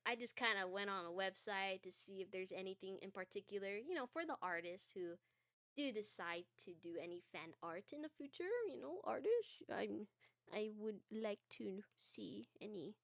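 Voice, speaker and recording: A woman's voice: medium pitch, fairly bright tone, dry recording, clean studio sound. A young adult woman streaming from her bedroom, chatting casually and scattered, laughing often. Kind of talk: casual live-stream chat. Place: home bedroom.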